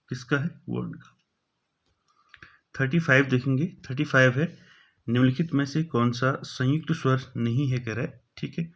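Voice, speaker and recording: A man at a middle pitch leads an exam-prep grammar lesson, reading out each question, asking it again and answering it himself. He leans on a steady "okay" between points. The sound is slightly dull and lo-fi. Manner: repeats each question, fills with "thik hai". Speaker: teacher.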